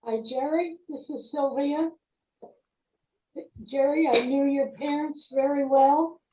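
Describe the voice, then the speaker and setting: A woman chatting politely and haltingly on a muffled, echoey video call. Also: high voice, fairly even intonation, dark tone. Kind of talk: casual chat on a video call.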